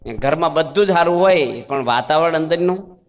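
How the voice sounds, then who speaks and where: Male preacher, higher-pitched voice, storytelling sermon, long hall echo. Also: lively intonation, moderate pace. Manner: storytelling with rhetorical questions and quoted dialogue. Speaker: swami giving a religious discourse.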